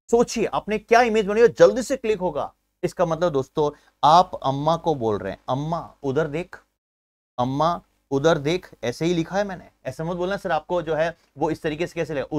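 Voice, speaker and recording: A man teaching an exam-prep science class, energetic, building memory tricks and calling viewers his friends. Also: a little high, fairly quick, no room sound. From India. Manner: energetic, uses memory tricks and asks himself questions; keeps addressing viewers as friends.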